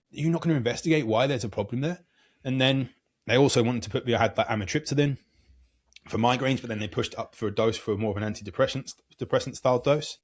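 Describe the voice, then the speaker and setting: A man's voice: medium pitch, husky. Earnest man in his thirties. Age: 30s. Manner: earnest, long flowing explanations. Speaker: guest, hormone coach. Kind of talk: podcast interview.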